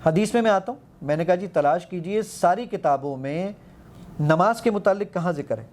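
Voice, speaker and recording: Eager man demoing his app, mellow voice. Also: high-pitched. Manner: eager, quotes himself giving commands, counts aloud. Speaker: app founder demonstrating his app. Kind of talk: animated demonstration in an interview.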